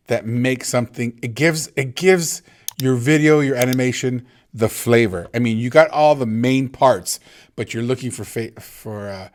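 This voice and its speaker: A man teaching video editing in a casual, rambling way, thinking aloud and often restarting his sentences. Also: mid-range voice. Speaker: instructor. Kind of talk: screen-recorded video editing tutorial.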